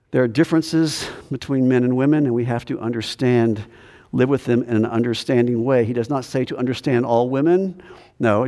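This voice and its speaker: A man's voice: medium pitch, dark tone. A man preaching a sermon in a conversational way, with humor and rhetorical questions. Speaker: pastor. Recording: long hall reverb.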